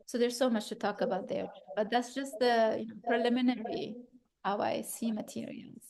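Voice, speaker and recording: Fairly high-pitched, creaky and a little mellow, her voice stays steady at a moderate pace. She's a thirty-something Afghan woman exhibiting her art, speaking reflectively at a gallery talk and often searching for words or restarting sentences.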